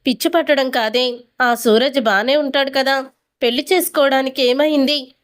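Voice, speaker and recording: A woman voicing a scheming, sharp-tongued old grandmother who needles her granddaughter. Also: high voice, steady tone, moderate pace, natural voice. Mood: taunting. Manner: mocking, needling.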